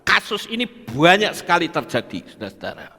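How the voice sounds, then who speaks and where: A man's voice: fairly high pitch, wildly swooping pitch, a little fast, pushed and bright. An older man, a pastor preaching emphatically and firing rhetorical questions at his congregation. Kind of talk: sermon. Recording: long hall reverb.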